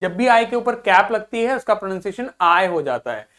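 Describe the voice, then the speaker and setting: A young man teaching a video lesson to school students in a friendly way, drilling pronunciation slowly and repeating each word several times. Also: high-pitched, expressive, fairly bright tone. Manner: friendly, addresses students as children.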